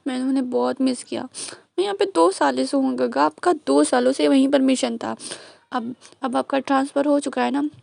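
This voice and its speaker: A woman's voice: high voice, steady tone, brisk, gravelly, darkish tone, dry recording. A woman voicing a distressed young man who pleads and repeats himself. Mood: pleading.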